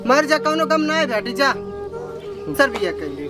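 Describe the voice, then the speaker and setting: A woman's voice: sits high, sing-song, normal speed, over music. A woman playing a fed-up, scolding village wife with an Awadhi accent in a broad rural comedy, cursing in exasperation. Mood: scornful, dismissive. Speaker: comic actor in a village skit.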